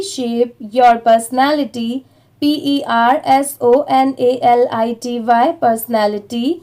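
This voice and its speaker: A woman with an Indian accent teaching English reading, spelling words out letter by letter and then blending them, with slow, careful English reading. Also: sits high, warm tone.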